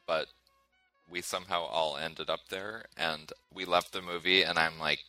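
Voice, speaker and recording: A man hosts a film podcast and chats casually, laughing often as he tells stories. His voice is very low but strikingly bright and sharp. Faint music sits under him. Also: a little slow, no echo, low-quality recording. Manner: laughs often, animated storyteller. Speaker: podcast host. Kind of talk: casual chat.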